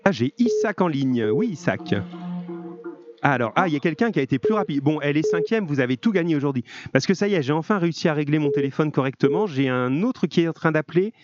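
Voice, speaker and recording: A middle-school French teacher runs a live call-in lesson, talking fast and expressively in a fairly high voice. He is friendly, informal and encouraging with his students, and the audio sounds dull.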